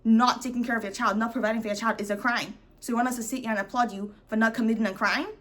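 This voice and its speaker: A woman's voice: on the high side, steady tone, quick pace, fairly bright tone. A woman giving blunt hot takes in a casual monologue to camera, sassy and mocking, calling the viewer "babes" and laughing often. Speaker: vlogger sharing opinions.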